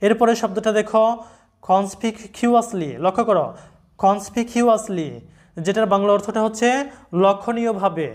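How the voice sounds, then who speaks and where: A woman teaching English pronunciation in a video lesson, spelling words letter by letter and repeating each syllable slowly for her students. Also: medium pitch, fairly even intonation, darkish tone.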